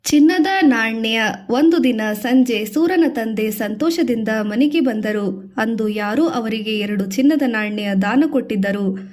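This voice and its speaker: Woman, fairly high voice, storyteller, scripted narration, expressive. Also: unhurried. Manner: expressive, voices characters' lines with a raised pitch.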